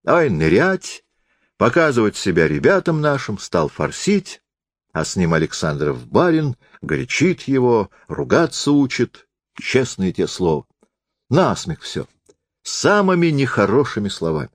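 A man reading a folksy tale aloud in a warm, conversational storytelling manner. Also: mid-range voice, huge pitch swings, measured pace, dry recording, clean studio sound. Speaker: reader.

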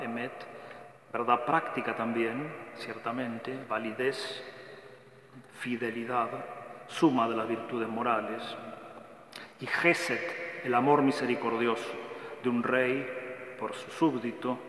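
A man's voice: medium pitch, a bit bright. Male friar teaching on a psalm, emphatic in his recitations, recorded in a roomy hall. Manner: frequent checking "eh?" tags; emphatic recitation of verb lists. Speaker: Dominican friar lecturing on a psalm. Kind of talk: scripture lecture. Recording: echoey hall with faint background noise.

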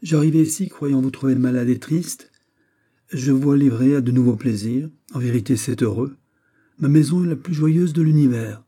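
A man's voice: mid-range voice, mellow, pitched above the performer's own voice, close to an everyday voice. A man reading aloud, voicing a jealous, petulant royal prince who turns bitter and angry. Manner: bitter, quick to anger, whining.

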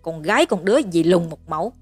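A woman's voice: fairly low pitch, lively intonation, fairly quick, a little mellow, breathy edge, soft background music. A woman voicing a middle-aged peasant mother who screeches curses and insults at her daughter. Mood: shrieking abuse. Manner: screeching, cursing tirade.

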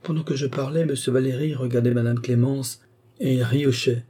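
A man's voice: mid-range voice, level tone, moderate pace, warm tone, lightly acted. A man voicing a chatty old female country servant, telling her story in a breathless, exclamatory way, for an audiobook. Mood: indignant.

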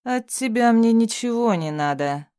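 A crude, sneering male thug, tied up and bloodied, jeers in a strained voice pushed well above the reader's own. A man acts him out, loud and mocking, recorded close and dry in an audiobook. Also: high-pitched, expressive, measured pace, dry recording. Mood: taunting.

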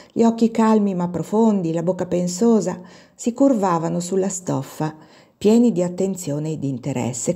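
Husky, dark-toned woman reading a novel. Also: on the low side. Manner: measured, expressive reading. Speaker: audiobook reader. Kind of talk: literary narration.

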